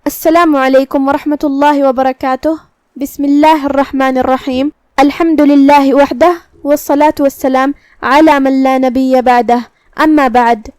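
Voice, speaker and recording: High-voiced woman teaching Quran recitation. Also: fairly even intonation, a little mellow, no echo. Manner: slow careful explanation of pronunciation, then drawn-out recitation. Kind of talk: Quran recitation lesson in Urdu.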